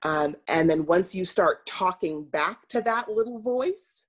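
A woman coach speaking as an interview guest, measured and earnest, pausing often with fillers. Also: lowish voice, expressive. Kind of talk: reflective interview talk.

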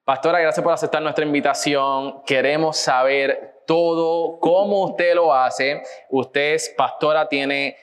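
A man hosting a business podcast, upbeat and lively, with frequent fillers as he introduces a guest and interviews her. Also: a little high, unhurried, hardly any pauses, clear, resonant tone. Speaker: podcast host.

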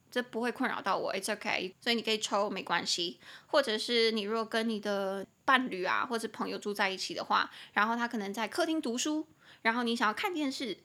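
A young woman with a Taiwanese Mandarin accent hosting a casual podcast English lesson, chatty and animated, spelling words out and breaking into exasperated rants. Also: medium pitch. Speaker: podcast host and English teacher.

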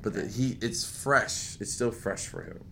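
A young man in casual chat, animated and profane, acting out what people say. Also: on the low side, unhurried, vocal fry, a little hiss or hum. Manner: animated, swearing, acts out quotes.

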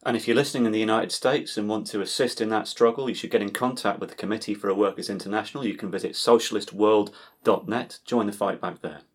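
Low-pitched man hosting a podcast. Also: fairly even intonation, fast talker, hardly any pauses. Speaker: podcast host. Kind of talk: scripted podcast narration.

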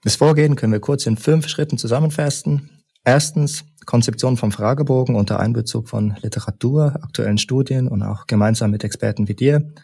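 A man from Leipzig, a researcher and lecturer, calmly explaining study results point by point as a podcast guest. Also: mid-range voice, vocal fry, breathy edge. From Leipzig, Germany. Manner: measured, structured, lists points in order. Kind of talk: explanatory interview talk.

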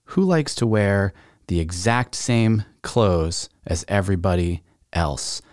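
A man with a fairly low voice hosts his own podcast in a relaxed, chatty way. He keeps turning to the listener with rhetorical questions. The sound is close and dry, with no room echo. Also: slow pace. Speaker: podcast host. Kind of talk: casual solo podcast talk.

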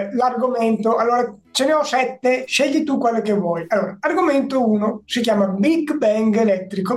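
A man presents quiz material casually, explaining as he goes in an informal way. His voice sounds clearly echoey, as in a reflective room, with some music behind it. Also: high-pitched. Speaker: guest quizmaster, electrical trainer.

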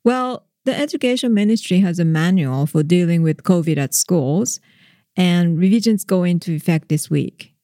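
A reporter guest on a news podcast, explaining the facts in a measured way with small hesitations. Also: medium pitch, dark tone, no echo, studio quality.

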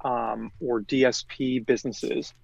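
A man's voice: medium pitch, fairly even intonation, measured pace, creaky, darkish tone, husky, no echo. Hesitant man with muffled audio. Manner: hesitant, many fillers and restarts. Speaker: guest, marketing executive. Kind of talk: conversational interview.

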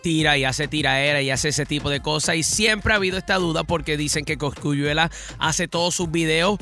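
Gravelly guy radio cohost, casual explaining, bit high, some english mixed in. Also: fairly quick, sharp tone, faint music behind. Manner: mixes in English, repeats words as he explains. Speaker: radio co-host.

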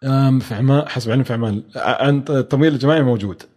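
A man speaks very quickly in an interview. His voice is dark and mellow. He stops and restarts often, with plenty of fillers between words. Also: mid-range voice. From Oman. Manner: fast, hesitant, many fillers and restarts. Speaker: guest, venture capital expert. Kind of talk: conversational interview answers.

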